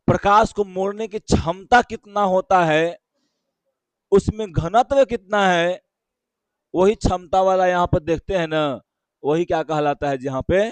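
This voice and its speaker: A man with a Bihari Hindi accent teaching a physics class, explaining slowly, repeating key terms and checking again and again whether students follow. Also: high-pitched, clear, resonant tone, no echo. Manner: keeps asking students short check questions.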